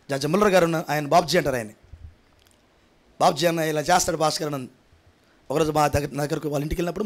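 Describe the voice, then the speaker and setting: A male pastor preaching a sermon with emphatic, repetitive phrasing that swings from quiet asides to shouted climaxes, in a church prayer hall. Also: high-pitched.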